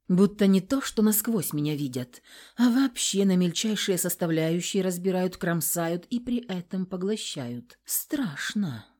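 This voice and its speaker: A woman narrating a first-person audiobook in a measured, intimate way. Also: fairly low pitch, dark tone. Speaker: audiobook reader.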